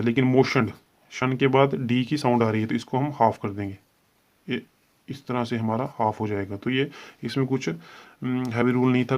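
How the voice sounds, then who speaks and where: Male shorthand tutor, patient and repetitive, spells out each sound slowly in an average-pitched voice. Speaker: shorthand teacher. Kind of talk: classroom-style lesson explaining at a board.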